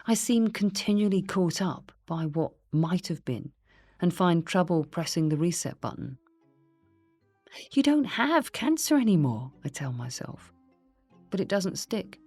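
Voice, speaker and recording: A woman reading her own memoir in the first person, in a quiet, earnest, reflective way. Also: fairly low pitch, unhurried, breathy edge, no room sound, faint music behind. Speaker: memoir narrator.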